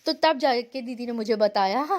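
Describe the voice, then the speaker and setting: A woman's voice: fairly high pitch, expressive, measured pace. A young woman from India narrating her family vlog in a chatty, rambling way, mixing in English words. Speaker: vlogger.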